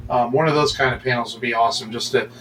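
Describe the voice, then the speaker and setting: A man's voice: medium pitch, steady tone, fast talker, fairly bright tone, faint music behind, low-quality recording. A man co-hosting a casual podcast chat, rambling with many fillers and restarts. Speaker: podcast co-host.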